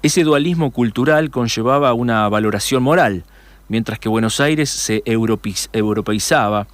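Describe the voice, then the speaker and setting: A man with an Argentine accent narrates a radio documentary in a steady, measured read and trips over a word now and then. His voice sits at an ordinary middle pitch. The studio sound is dry and close, with almost no room echo. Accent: Argentine Spanish. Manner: measured, reads with small restarts.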